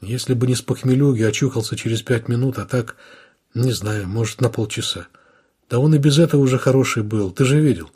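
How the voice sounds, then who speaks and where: A man's voice: medium pitch, brisk, darkish tone, husky, natural voice. A man voicing a sullen, weary ex-convict who mutters his answers, in an audiobook.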